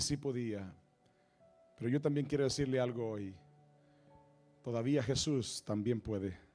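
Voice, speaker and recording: A man's voice: medium pitch, darkish tone. A man preaching a sermon as pastor, emphatic and repetitive, often acting out the voices of people he quotes. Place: church sanctuary.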